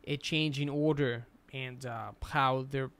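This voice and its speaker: Smooth-voiced man explaining on a podcast. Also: medium pitch, steady tone, slow pace, fairly bright tone. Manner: explaining, rambling with restarts. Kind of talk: casual podcast chat.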